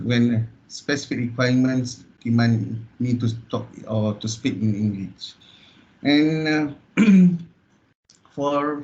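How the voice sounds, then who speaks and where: Mellow-voiced Malaysian man in his forties. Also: mid-range voice, highs cut off. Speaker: government IT officer interviewee. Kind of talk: formal interview answers.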